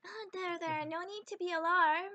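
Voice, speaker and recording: A woman voicing her tabletop game character, a polite adventurer calming frightened servants in a soothing, courteous manner. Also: extremely high pitch, moderate pace, slight background noise, voice pushed up. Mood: apologetic, soothing.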